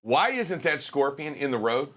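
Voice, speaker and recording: A man hosting a live talk show, animated in tone, acting out reactions as he chats casually. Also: a little high, moderate pace. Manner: animated, exclaims and acts out reactions. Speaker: show host.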